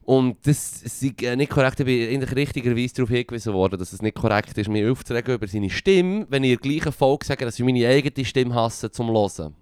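A man's voice: mid-range voice, quick pace, hardly any pauses, a little mellow, clean tone, no echo, clean studio sound. A man with a Swiss German accent co-hosting a podcast, ranting in a casual, profane way and dropping English slang. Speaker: podcast co-host.

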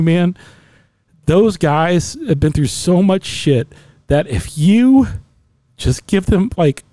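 A man's voice: fairly high pitch, warm tone, dry recording. A middle-aged man in casual conversation on a podcast, telling stories earnestly and emotionally, with many restarts.

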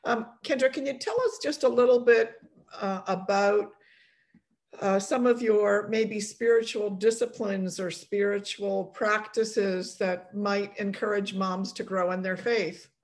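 A middle-aged Polish woman hosts a casual podcast conversation over a video call, chatty, laughing often, and restarting her sentences. Her voice is medium-pitched and steady, at a measured pace.

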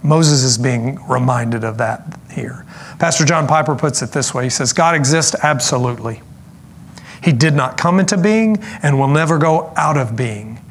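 A man preaching a sermon in an earnest, explanatory way, slowing down for emphasis and dropping in casual asides. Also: mid-range voice, a little hiss or hum. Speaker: pastor.

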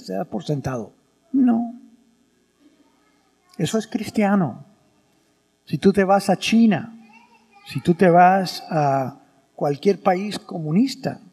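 A male priest preaching a sermon. His dark, gravelly voice rises and falls in lively swings, and a long church reverb trails each phrase. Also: a little high. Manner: animated, teaching with rhetorical questions.

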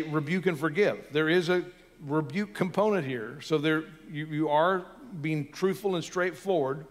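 A man's voice: fairly high pitch, in a large hall. A man preaching a sermon as pastor, earnest and building to emphatic peaks.

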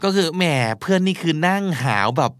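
A man teaching English vocabulary and idioms, acting out example lines in English with animated delivery. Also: high-pitched, brisk, clear, resonant tone, no room sound, studio quality. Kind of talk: vocabulary lesson.

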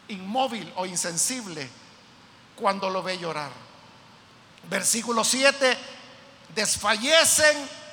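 A man's voice: high-pitched, pushed and bright, long reverb tail, slight background noise. A man preaching a sermon, explaining scripture to his congregation and checking in with rhetorical questions. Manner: explains with repeated rhetorical "¿verdad?" and addresses listeners as brothers. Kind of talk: sermon teaching on a psalm.

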